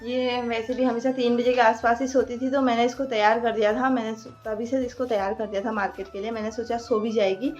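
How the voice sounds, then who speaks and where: A woman's voice: on the high side, flat delivery, a little fast, few pauses, darkish tone, muffled recording, soft background music. A young woman with a light lilt, chatting casually through a daily vlog at home and talking to her toddler now and then. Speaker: vlogger and mother. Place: indoors in a rented room.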